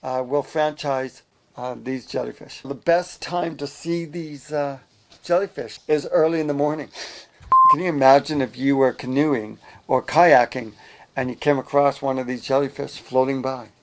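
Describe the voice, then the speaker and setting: A man co-hosting a comic animal news show, delivering jokes deadpan. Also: medium pitch, moderate pace. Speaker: co-host. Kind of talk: joking news banter.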